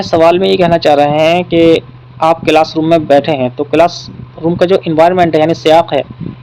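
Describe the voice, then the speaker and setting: High-voiced man teaching an exam-prep lesson. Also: darkish tone, a little hiss or hum, low-quality recording. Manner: explains patiently, repeats key points.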